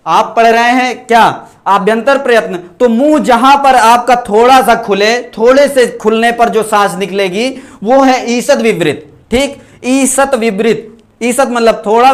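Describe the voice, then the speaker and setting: In an online exam-prep session, a very high-voiced man teaches Sanskrit, voicing every letter in turn. He raises questions, waits a moment, and supplies the answers himself, pausing to express thanks for comments from viewers.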